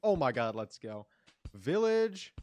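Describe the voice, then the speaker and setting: A man's voice: medium pitch, lively intonation, normal speed, soft background music. A man streaming a game, rambling casually and talking to his chat. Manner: rambling, chatty, talks to chat. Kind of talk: casual gameplay commentary.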